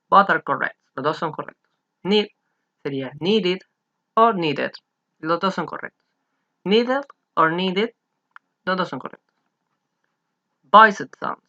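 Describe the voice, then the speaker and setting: A young man with a Salvadoran Spanish accent, teaching English grammar in a recorded online lesson and repeating words slowly for pronunciation. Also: on the high side, pushed and bright. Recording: dull lo-fi recording.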